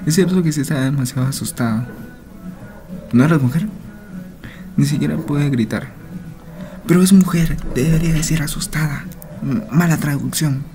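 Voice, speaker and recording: A man's voice: on the high side, normal speed, pauses often, music in the background. A man reads a horror story aloud, reacting with nervous jokes and often dropping to a whisper. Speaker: channel host.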